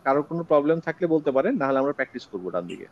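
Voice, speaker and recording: A man teaching an online Quran recitation class, drawing out syllables slowly for students to repeat. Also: a little high, very animated, highs cut off.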